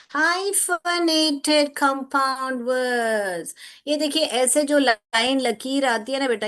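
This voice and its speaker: A woman's voice: a little high, a bit bright. A woman teacher explaining a grammar lesson to children, patiently repeating questions and mixing Hindi with English phrases. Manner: patient, repeats questions to students, calls them beta.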